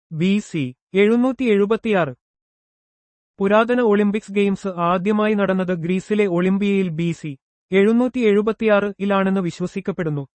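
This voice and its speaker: A man reading exam prep questions, each followed by its answer and a short explanation, in a steady recited pattern. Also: sits high, dry recording. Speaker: exam coach.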